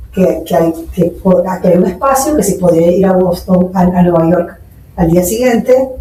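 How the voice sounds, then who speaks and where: A woman's voice: mid-range voice, mellow, a little hiss or hum. A woman in her forties from Nicaragua, telling her story earnestly in a podcast interview and mixing in English terms. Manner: earnest, anecdotal, code-switches English terms. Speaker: guest entrepreneur. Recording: echoey room, distant mic.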